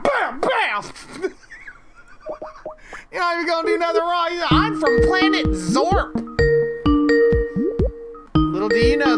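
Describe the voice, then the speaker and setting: A man's voice: very high-pitched, a bit bright. A man streaming live, reacting with crude, rowdy, laughing rants and profane commentary.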